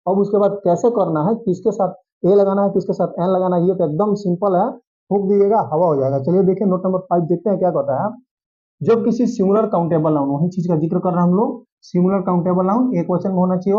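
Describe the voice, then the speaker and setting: A man teaching an English grammar lesson, explaining patiently and repeating points, often checking in with his students. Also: high-pitched. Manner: repetitive, reassuring, checks in with "theek hai". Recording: dull lo-fi sound.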